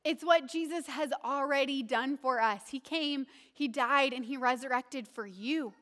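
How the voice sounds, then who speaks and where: Woman, pastor, high-pitched, earnest, conversational sermon, direct questions. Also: unhurried, a bit bright.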